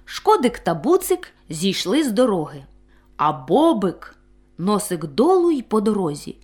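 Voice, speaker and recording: A woman reading a children's animal story aloud in an expressive, sing-song way. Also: medium pitch, measured pace, faint music behind.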